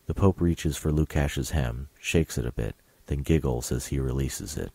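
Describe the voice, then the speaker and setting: A man reading stage directions as narrator of an audio drama in a flat, matter-of-fact way. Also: extremely low pitch, normal speed, slight background noise.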